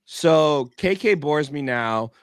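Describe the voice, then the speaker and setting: A man's voice: a little high, animated, slow pace, clear, resonant tone, no room sound. Casual slangy man, dry close sound. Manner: informal, slangy, repetitive emphasis. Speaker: podcast host. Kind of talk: casual chat.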